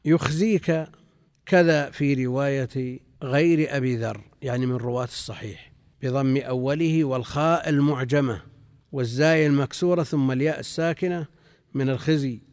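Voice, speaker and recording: A man's voice: mid-range voice, a little mellow, dry recording. A man teaching a classical religious text, reading quoted sources aloud and explaining them, repeating phrases and correcting himself as he goes, sometimes asking his students questions. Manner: reads quoted sources, then explains in a measured way. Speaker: Islamic scholar teaching a text. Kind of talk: classical text lesson with commentary.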